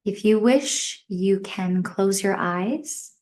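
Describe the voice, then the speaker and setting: A woman instructor leads a guided mindfulness meditation in a medium-pitched voice. She speaks gently in short, measured phrases, leaving long pauses between them.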